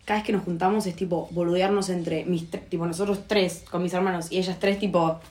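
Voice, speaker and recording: A woman's voice: fairly low pitch, quick pace. Young Argentine woman telling anecdotes. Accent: Buenos Aires Rioplatense Spanish. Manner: chatty anecdotal storytelling, slangy and animated. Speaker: podcast co-host. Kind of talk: casual chat.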